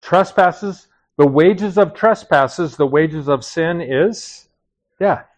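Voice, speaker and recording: A middle-aged man preaching a sermon in a conversational way, often checking in with his listeners with quick asides and questions. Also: fairly high pitch. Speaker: pastor.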